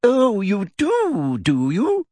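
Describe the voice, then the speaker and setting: A man voicing a prim, cold, middle-aged female teacher in a storybook reading, speaking slowly and softly with deliberate sweetness. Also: high voice, wildly swooping pitch, dry recording, voice pushed up, full character voice. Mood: icy. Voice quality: soft, deliberate, half-whispered.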